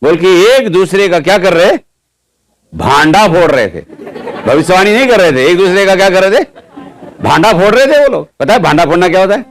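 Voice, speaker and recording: Here the preacher's voice is high and his delivery a little fast. Still recounting his testimony in the sermon, he tells it with energy and keeps pulling listeners in by repeatedly asking them questions.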